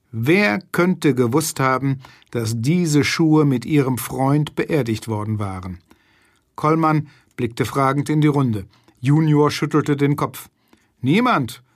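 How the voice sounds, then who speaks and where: A man reading a crime story aloud in a lively narrating manner. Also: mid-range voice, dry recording, clean studio sound. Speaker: reader. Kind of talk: audiobook reading.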